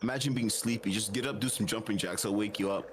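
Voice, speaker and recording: A man's voice: lowish voice, fast talker, noisy background. A man chatting casually with a friend on stream, teasing playfully and making mock threats. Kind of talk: casual chat.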